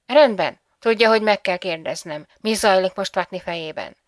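A woman's voice: medium pitch, no room sound, clean studio sound, close to an everyday voice. A woman reading the part of an inquisitive female TV interviewer in an audiobook.

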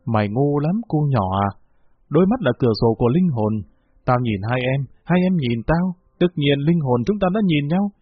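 A cocky young man who teases his friend and brags about girls, as a husky-voiced male narrator puts him on. The voice stays close to the reader's own and sounds muffled and dry. It comes from a read-aloud storybook. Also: fairly high pitch, lively intonation, moderate pace, no echo. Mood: teasing. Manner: boastful, mock-wise teasing.

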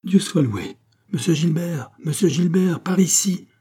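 A man voicing an eager, loyal farmer in an audiobook, calling out loudly. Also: lowish voice, sing-song, moderate pace, breathy edge. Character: loyal old male farmer, eager and loud. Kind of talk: audiobook character reading.

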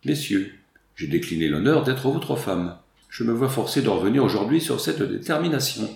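A man's voice: mid-range voice, expressive, normal speed, creaky, darkish tone, reverberant. A man reading an audiobook, voicing a proud, independent young noblewoman with firm, formal composure. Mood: firm, composed.

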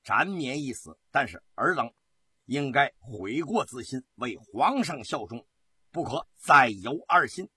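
A man voicing a stern, commanding imperial commissioner who speaks in a lowered, measured, husky voice. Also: big pitch swings, bright, forceful tone, no echo, studio quality, exaggerated voice. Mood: severe. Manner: severe, measured, authoritative.

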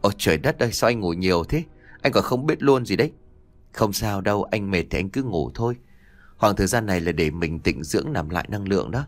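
A man voicing a gentle young wife in an audio story, speaking softly and hesitantly. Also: low voice, expressive, a little fast, dry recording, voice pushed down. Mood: teasing. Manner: soft and hesitant.

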